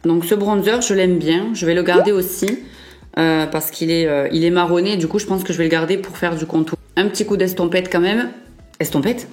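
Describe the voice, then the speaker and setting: A woman's voice: fairly low pitch, steady tone, brisk, a little mellow, soft background music. A young woman vlogger chatting casually through a makeup review, with frequent fillers and self-corrections. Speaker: beauty vlogger.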